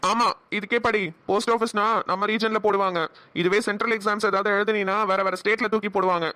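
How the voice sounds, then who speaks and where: A man acting a caring, protective young man in a short family drama, giving firm advice and speaking gently to loved ones. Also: high-pitched, little pitch movement, fast. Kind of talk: Tamil short-film dialogue acting.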